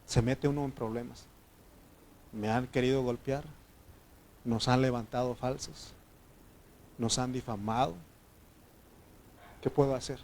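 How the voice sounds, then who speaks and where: Man, pastor, sermon, direct questions, shifts loud to hushed. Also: mid-range voice, steady tone, unhurried, long pauses, slight background noise.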